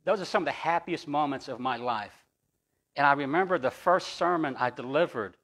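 A man with a fairly high voice delivers a sermon from the pulpit of a church sanctuary. He tells stories in an easygoing, conversational way and often restarts his sentences. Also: normal speed, fairly bright tone. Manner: storytelling, conversational, with repeated restarts. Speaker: pastor.

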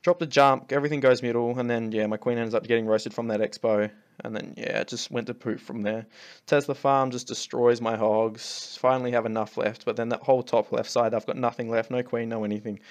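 A man talks through replays of his own game attacks in a loose, ranting way. He sounds fed up and swears freely. His voice sits at an ordinary middle pitch for a man. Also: steady tone, fairly quick. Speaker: clan leader and channel host. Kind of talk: casual gameplay commentary over replays.

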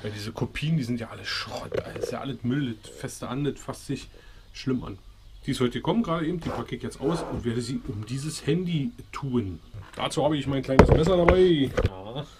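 Man vlogging casually, very lively pitch. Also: normal speed, very noisy. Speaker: family vlogger. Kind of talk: casual chat to camera. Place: small room at home, car, kitchen. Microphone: action camera at arm's length.

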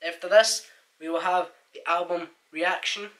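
A young man hosts a laid-back music reaction, talking through his ratings with plenty of ums and restarts. His voice sits a little high and sounds bright and forward. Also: steady tone, normal speed. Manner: chatty, rates songs out loud with many fillers. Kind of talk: casual album reaction chat.

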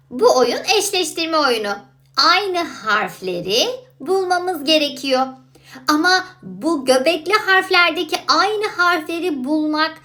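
A woman giving a children's alphabet lesson, sounding out letters slowly and thinking aloud in a playful, coaxing way. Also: sits high, sharp tone. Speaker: Quran alphabet teacher.

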